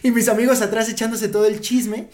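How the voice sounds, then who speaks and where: A young woman with a Mexican accent hosting a podcast, telling anecdotes in slangy casual chat and acting out lively impressions of her friends. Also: fairly high pitch, a little fast. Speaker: podcast host.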